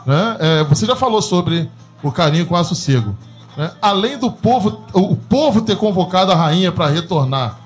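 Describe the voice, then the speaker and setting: A man's voice: high voice, animated, normal speed. A man asking the guest questions on a radio chat, leaning on tag questions. The sound is a little dull and lo-fi. Faint music plays behind him. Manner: probing, many tag questions. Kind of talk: casual radio interview.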